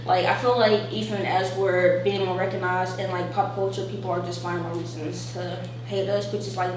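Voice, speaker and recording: A woman's voice: lowish voice, flat delivery, brisk. Early-twenties US Southern woman, loose filler-filled talk, roomy distant noisy sound. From North Carolina, USA. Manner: casual, filler-heavy, uses "like" often. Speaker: discussion participant. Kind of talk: casual group discussion. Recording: echoey room, far from mic, noisy.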